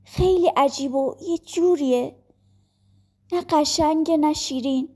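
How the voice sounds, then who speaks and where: A woman voicing a warm-hearted young nursemaid who chats sympathetically in a storybook reading. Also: high voice, close to an everyday voice. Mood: sympathetic.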